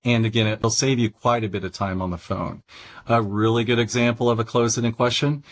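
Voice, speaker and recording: A middle-aged man giving a casual training talk on phone skills, relaxed and conversational with frequent offhand asides. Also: mid-range voice, a little fast.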